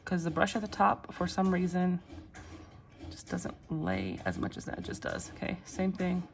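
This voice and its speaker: A woman giving a casual, step-by-step craft tutorial in a reassuring, unhurried way, often checking in, with machine noise behind her. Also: lowish voice, sing-song, creaky. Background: machines running, clicking sounds.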